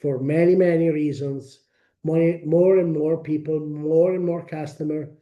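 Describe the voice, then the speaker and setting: A man with a strong Italian accent presenting a technical webinar, speaking haltingly with frequent pauses and restarts. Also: a little high, steady tone, narrow, tinny audio. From Italy. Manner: halting, many fillers and restarts.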